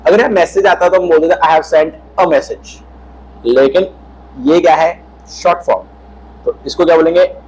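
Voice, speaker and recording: A fairly high, husky male voice with a Hindi accent, running an exam-prep grammar lesson. He reads each sentence slowly and asks his own questions before he answers them. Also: darkish tone, low-quality recording. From India. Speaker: English grammar teacher.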